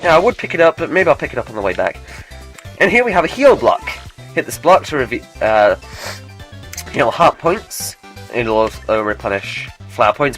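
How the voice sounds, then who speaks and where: A man's voice: lowish voice, fairly bright tone. A man giving chatty, joking commentary while playing a video game. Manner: chatty and jokey, reads game text aloud. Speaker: let's play host.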